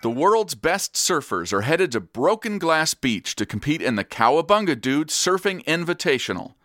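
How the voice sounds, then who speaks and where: An actor playing a straight-faced, polished news anchor on a parody post-apocalyptic radio newscast. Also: male voice, fairly high pitch, big pitch swings, normal speed, a bit bright, no room sound, clean studio sound, soft background music. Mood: deadpan, brisk.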